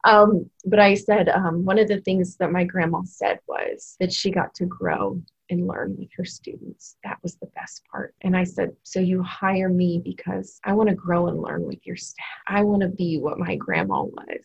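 A woman in her thirties tells a personal story on a podcast, energetic and emotional, tripping over restarts. Her voice is a little husky. The sound is dull and lo-fi. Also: fairly low pitch, moderate pace. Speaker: assistant principal.

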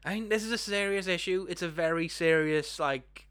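A man's voice: sits high, moderate pace, fairly bright tone, clear, resonant tone. A young man co-hosting a casual movie review chat, sweary and jokey, slipping into silly voices. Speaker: podcast co-host.

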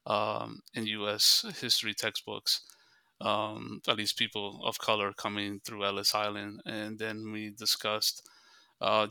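A man who works as a librarian, from the United States, explaining history at a measured pace in a conversational podcast interview. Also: lowish voice, pushed and bright, clean tone, dry recording.

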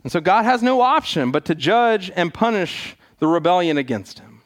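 Male preacher, high-pitched voice, earnest exhortation, church sermon delivery, emphatic pauses on key phrases. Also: very animated. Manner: earnest exhorting, with rhetorical questions and repetition.

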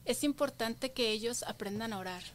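Woman, bright high voice, encouraging, affirming, church podcast chat. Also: moderate pace. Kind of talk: casual church podcast talk.

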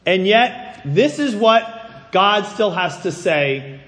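A man preaching a sermon as pastor, animated, acting out the voices of the figures in the story. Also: sits high, slow. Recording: long hall reverb.

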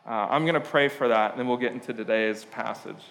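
A man's voice: medium pitch, fairly quick, creaky, fairly bright tone, big-room sound. A man from Portugal preaching a sermon, talking in a conversational, storytelling way with frequent "uh" fillers and asides. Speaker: pastor.

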